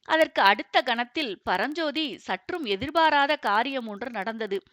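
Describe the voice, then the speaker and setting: A woman narrating a historical novel as an audiobook in a steady storytelling manner. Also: fairly high pitch, measured pace, dry recording, clean studio sound.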